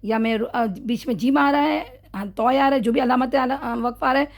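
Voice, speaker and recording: A woman teaching Quran recitation rules in a casual online lesson, explaining step by step, often checking in with her students, correcting her own slips and slowly modelling drawn-out example words. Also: sits high, steady tone.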